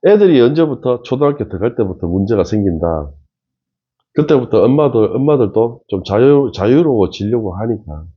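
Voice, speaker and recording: A man's voice: on the low side, husky, highs cut off. A man giving casual commentary on a TV show, emphatic and talking straight to viewers. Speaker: face-reading commentator.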